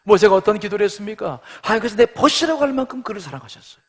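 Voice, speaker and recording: A man's voice: high-pitched, animated, rapid-fire, husky. A middle-aged male pastor giving a sermon in a conversational style that swells into emphatic passages.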